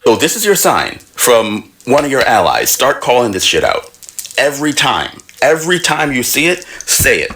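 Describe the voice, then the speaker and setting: A man's voice: mid-range voice, huge pitch swings, normal speed, bright, forceful tone. A man born in Jamaica and raised in America giving an emphatic opinion rant. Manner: emphatic, building intensity.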